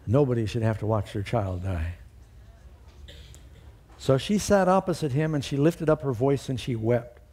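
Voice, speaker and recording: A middle-aged pastor delivers a storytelling sermon in a warm, mellow voice, animated but at a moderate pace with long pauses. Whenever he quotes scripture his voice rises high and loud, then settles back into an easy narrating tone.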